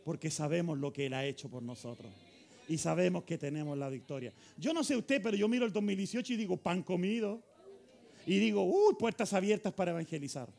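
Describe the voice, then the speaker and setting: Chilean pastor, male, high gravelly voice, energetic live sermon. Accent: Chilean Spanish. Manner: animated preaching, rising to shouts and rapid questions. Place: church hall, live service.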